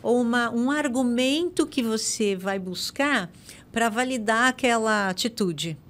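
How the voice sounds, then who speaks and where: A woman's voice: a little high, a little slow. A woman who reflects aloud in a podcast conversation, with frequent restarts.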